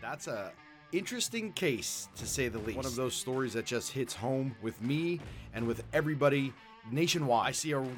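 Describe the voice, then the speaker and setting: A man's voice: mid-range voice, expressive, moderate pace. A man telling a story in a clip, with a vivid, dramatic retelling. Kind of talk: animated storytelling. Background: soft guitar music.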